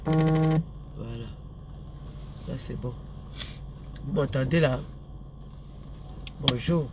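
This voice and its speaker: A man's voice: medium pitch, drawn-out words, background noise. A man with a stuffy nose from a cold, ranting angrily on a live stream. He repeats himself and stumbles over his words. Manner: indignant, repeats himself, stammers restarts. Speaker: livestream host. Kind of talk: angry live-stream rant.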